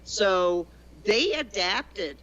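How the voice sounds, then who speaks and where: A woman's voice: medium pitch, animated, drawn-out words, fairly bright tone, highs cut off. A woman guest telling long, digressive stories about teaching, chatting casually in an interview. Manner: chatty, digressive storyteller with many restarts. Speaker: guest, former teacher in China. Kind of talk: conversational interview.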